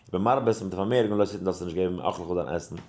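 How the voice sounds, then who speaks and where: A lower-pitched man leads a Torah lesson, stumbling through restarts and then jumping high as he plays the voices in his tale. English words slip into his speech now and then. The recording has a noticeable roomy echo. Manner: animated, acts out dialogue in the story with sudden high pitch jumps; halting, many restarts and repeated words. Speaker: rabbi teaching a Torah class.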